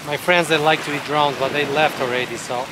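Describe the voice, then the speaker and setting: A middle-aged man, casually talking viewers through his fishing on a rocky jetty and getting excited when fish bite. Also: fairly high pitch, fairly quick. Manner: chatty, addresses viewers as guys, excited when a fish bites. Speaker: fishing vlogger. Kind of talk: casual outdoor fishing vlog. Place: rocky jetty on a beach by the sea, outdoors. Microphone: chest-mounted action camera. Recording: action camera by the surf, loud wave noise. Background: loud waves and wind.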